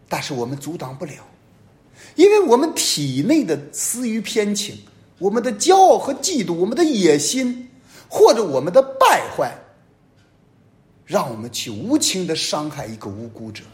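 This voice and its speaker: Man preaching with sweeping pitch swings. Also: wildly swooping pitch, normal speed. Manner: emphatic preaching, sweeping rises and drops in pitch and loudness. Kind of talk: homily.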